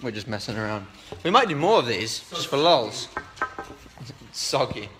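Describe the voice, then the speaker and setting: A young man chatting casually and joking on a livestream while playing pool in a flat. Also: medium pitch, moderate pace, over music. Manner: joking, laid-back. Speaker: band member on livestream. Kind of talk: casual chat. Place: flat with pool table, indoors. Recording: echoey room with background noise.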